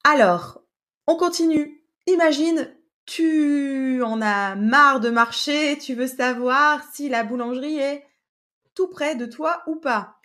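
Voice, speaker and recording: Slow, patient woman teaching a lesson. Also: high-pitched, fairly bright tone. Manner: slow, patient, with many hesitations; speaks directly to the learner. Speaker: French teacher and podcast host. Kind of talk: podcast language lesson.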